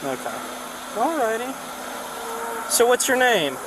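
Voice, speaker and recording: A man's voice: very high-pitched, big pitch swings, takes it slowly. A male police officer heard as body cam audio at a roadside stop, giving procedural questions and instructions and often checking that he is understood. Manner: procedural, checks understanding with "okay?" and "all right?". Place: outdoors at a roadside traffic stop. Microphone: body-worn camera. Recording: noisy body camera audio, outdoor vehicle hum.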